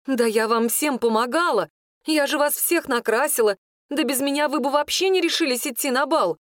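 A woman's voice: moderate pace, dry recording, studio quality, close to an everyday voice. A woman reading an audiobook, voicing a jealous, accusing young serving girl. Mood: angry. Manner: accusing, shrill and tearful. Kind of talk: audiobook character voice.

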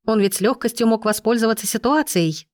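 Woman reading an angry young woman in a storybook, sarcastic, hissing, raised pitch, dry close sound. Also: fairly quick, a little mellow, no room sound, lightly acted. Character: indignant young woman, sharp-tongued, sarcastic. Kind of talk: audiobook reading.

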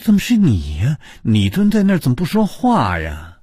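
Narrator doing a scared office guy, jittery, low husky voice. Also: very animated, a little fast, dark tone, dry recording, studio quality, exaggerated voice. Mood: nervous. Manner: nervous, shaken. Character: jumpy, frightened office man.

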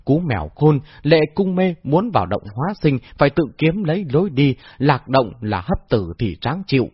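A man voicing a cunning, mocking female gatekeeper in a husky voice on a dull, dry recording. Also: on the high side, very animated, moderate pace, dry recording. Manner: mocking, cackling. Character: cunning cackling female gatekeeper, wields whip.

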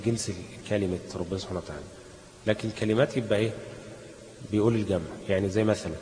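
A lower-voiced man with an Egyptian Arabic accent teaching Quranic readings. He quizzes the class, answers his own questions and chants verses slowly. He is recorded in a large hall with long reverb and a faint hum of room noise. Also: a little mellow. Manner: asks the class questions and answers them himself, says "ماشي؟" often.

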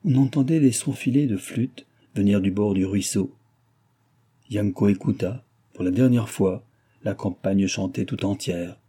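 A man narrating an audiobook, reading with dramatic swings in pitch and loudness. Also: unhurried, breathy edge.

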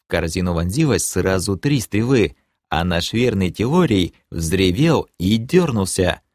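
A man narrating a fantasy audiobook in first person, dramatic and lively, breaking into shouted lines. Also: low voice, measured pace, no room sound, clean studio sound. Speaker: audiobook reader.

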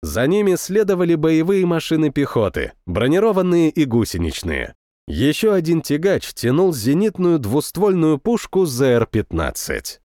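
A male audiobook narrator with a somewhat high voice that rises and falls a great deal. He tells the story in a matter-of-fact way, recorded close and dry with no room sound. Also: wildly swooping pitch, normal speed, warm tone, no echo. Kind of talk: first-person audiobook narration.

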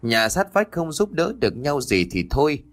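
A man voicing a calm, sensible middle-aged village wife who reasons with her husband and neighbor, over faint background music. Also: on the high side, normal speed, pitched above the performer's own voice. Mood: firm. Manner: soothing, reasoning tone.

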